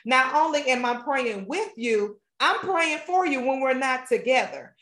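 A woman with a high, bright-pitched voice hosts a faith podcast and leads a fervent prayer in a preacherly cadence. The sound is roomy and echoey around her. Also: lively intonation, unhurried. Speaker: podcast host and marketing strategist.

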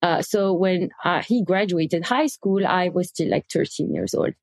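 A woman's voice: on the low side, unhurried, no room sound. A woman from Belgium, a company CEO guest speaking eagerly in a casual interview, often repeating words as she thinks.

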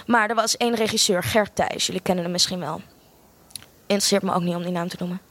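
A woman's voice: on the low side, fairly even intonation, fast, fairly bright tone. A young woman tells a personal story in a frank, sardonic way, with self-mocking humor and free swearing.

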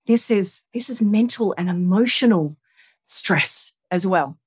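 A woman with a gentle, coaxing yoga-teacher manner, giving guided relaxation and movement instruction. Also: mid-range voice, lively intonation, measured pace, slightly rough, no echo.

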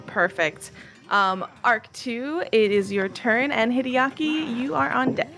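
A woman running a live-streamed tabletop game as game master, quick and laughing often. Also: on the high side, music in the background.

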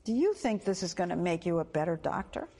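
A woman's voice: fairly low pitch, big pitch swings, a little fast, mellow, slightly rough. A woman interviewer asking probing, conversational questions.

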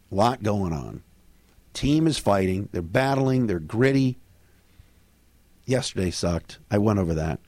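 A man with a hoarse, worn-out voice hosts a sports podcast, giving casual baseball commentary in colloquial, punchy short sentences. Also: mid-range voice, darkish tone, no echo. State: hoarse, losing his voice.

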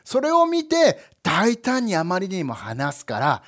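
A young man preaching a lively sermon, playful and animated, with sound effects and asides to the congregation. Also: sits high, a little slow. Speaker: pastor.

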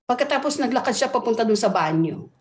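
A woman recounts an eerie experience in a relaxed, conversational way. Her voice sits a bit high, and she animates the story by acting out what others said. The delivery is casual and expressive. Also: fast talker. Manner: animated, acts out quoted dialogue with voices. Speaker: guest telling a ghost story.

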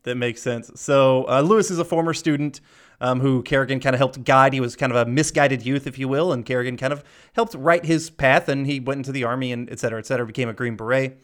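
A podcast co-host with a mid-range voice talks at a quick pace in casual chat. He rambles through a film's scenes, quoting lines playfully, laughing and swearing occasionally.

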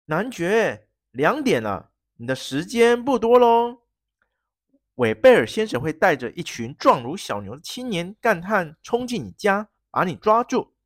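A storyteller voicing a cunning, fierce gentleman thief who threatens and shouts. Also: mid-range voice, very animated, measured pace, dry recording, clean studio sound, pitched above the performer's own voice. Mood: threatening. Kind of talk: storybook reading.

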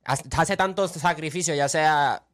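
A man on a sports panel argues earnestly in a slightly high voice. He keeps insisting on his point through halting restarts. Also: fairly bright tone. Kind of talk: casual sports debate.

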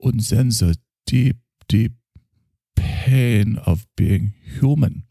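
A man voicing a gentle, solemn psychoanalyst with a slow, soothing, grandiose way of speaking. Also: mid-range voice, gravelly, dry recording, clean studio sound, pitched above the performer's own voice, exaggerated voice. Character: gentle, solemn male German psychoanalyst, middle-aged.

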